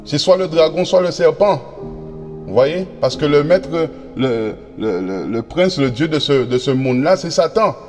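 A man preaches to his congregation in a slightly raised voice, reading verses slowly and stumbling over repeated words and fillers. His voice rings with a long reverb, and soft music plays faintly underneath. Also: on the high side. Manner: reads verses slowly and deliberately; addresses listeners as brothers, sisters and friends. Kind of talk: sermon with scripture reading.

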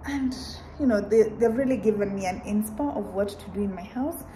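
A woman chatting casually to her viewers in a travel vlog, excited and talkative. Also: medium pitch, a little fast. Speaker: vlogger. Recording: noisy background hiss.

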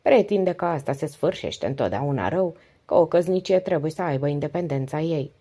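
A woman's voice: deep voice, expressive, warm tone, husky, exaggerated voice. A woman reading the part of a devoted, weary wife in her late forties who confides in long, flowing speech. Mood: confiding. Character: 48-year-old wife, talkative, devoted, weary.

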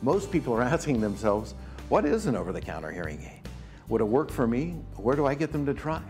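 A man pitching his business in an upbeat, salesy TV commercial. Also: very animated, fairly quick, a little mellow, faint music behind. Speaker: ad spokesman.

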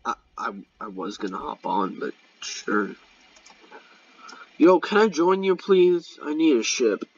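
A man's voice: medium pitch, sing-song, measured pace, slightly rough, no echo, far from the mic, highs cut off. A young man giving live commentary while he plays a game, swearing often and muttering in exasperation at his teammates. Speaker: gamer streamer. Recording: mic set back, faint background noise.

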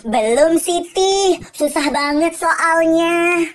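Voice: very high-pitched, slow pace. A performer voicing a flustered schoolgirl who pleads and protests, in a cartoon. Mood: defensive. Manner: pleading and defensive. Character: gaming-loving schoolgirl, flustered and easily bullied. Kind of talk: cartoon voice acting.

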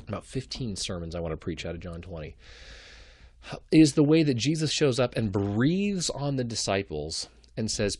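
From a small home office lined with bookshelves, a man in his thirties gives a recorded theology lecture into a desk webcam. His fairly low voice comes through studio-clean with no echo as he speaks earnestly, building emphasis through repeated phrases.

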